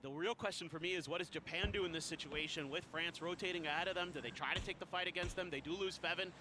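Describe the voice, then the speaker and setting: A man doing energetic play-by-play commentary on an esports match. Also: a little high, quick pace, noisy background. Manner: energetic, rising when action heats up. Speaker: esports caster.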